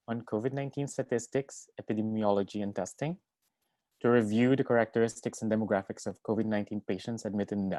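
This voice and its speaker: A man speaks over a video call, his voice low-pitched and darkly mellow. He moderates a medical webinar and reads out the panelists' backgrounds in a formal, measured way. The sound is dry and close, with no room around it. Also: dry recording. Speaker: webinar moderator and family physician.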